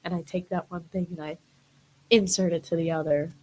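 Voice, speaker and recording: A woman's voice: lowish voice, fairly even intonation, a little fast, dark tone, a little hiss or hum, low-quality recording. A young woman, a model, chatting casually as an interview guest, rambling with many fillers.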